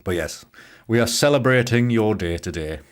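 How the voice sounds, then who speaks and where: Animated and fairly low-pitched, this speaker keeps a moderate pace. He is a middle-aged man from Britain with a British English accent, hosting a casual live stream in his home studio room, where he edits photos, jokes and greets viewers by name while seeming a bit tired.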